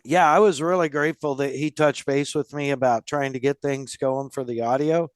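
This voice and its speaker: A man's voice: medium pitch, fairly even intonation, moderate pace, smooth, no echo, clean studio sound. A man hosting a casual podcast, friendly and loose, laughing often. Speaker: podcast host.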